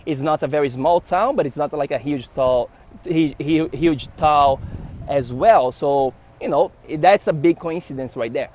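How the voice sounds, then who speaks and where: A man from Brazil with a Brazilian Portuguese accent, a podcast host telling a story casually to camera in an animated, rambling way. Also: on the high side, unhurried. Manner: animated, rambling with fillers and restarts.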